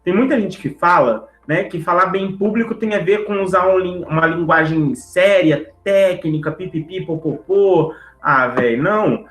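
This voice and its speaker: His high voice, roomy and poorly recorded over a video call, drives a brisk online lesson on public speaking. He's lively and addresses the audience directly, sprinkling in "tá?" and "né?" to check in. He picks up speed on purpose to cover everything.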